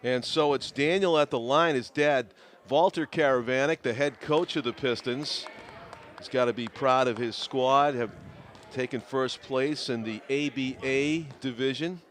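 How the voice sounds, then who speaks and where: In a school gymnasium, a man calls play-by-play for a youth basketball game, steadily naming the players as local sports commentary. His voice is medium in pitch with a measured pace, and the gym ambience is noisy.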